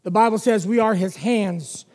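A male preacher giving an evening sermon in a church, emphatic, stretching single words slowly and dropping to a near-whisper. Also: high-pitched, darkish tone, long reverb tail.

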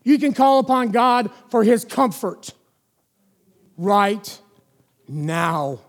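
A male preacher giving an evening sermon in a church, emphatic, stretching single words slowly and dropping to a near-whisper. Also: high-pitched, animated, big-room sound.

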